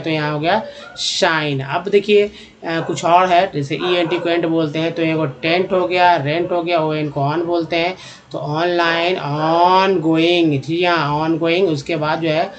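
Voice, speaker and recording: A man teaching English reading in a phonics lesson, repeating words slowly and calling his viewers friends. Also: fairly high pitch.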